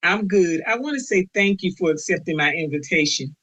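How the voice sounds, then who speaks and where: Female podcast host, encouraging prompts, frequent soft murmurs of assent. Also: on the low side, animated, a little fast, poor audio. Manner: warm encouraging prompts, many soft "mm-hmm"s. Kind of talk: interview hosting.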